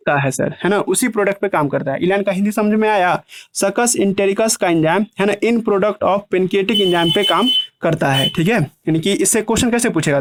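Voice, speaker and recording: Man, biology teacher, online class, high voice, repetitive checking questions, slow drawn-out terms. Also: dry recording. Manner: repetitive, keeps asking "है ना"; breaks terms into slow emphatic chunks.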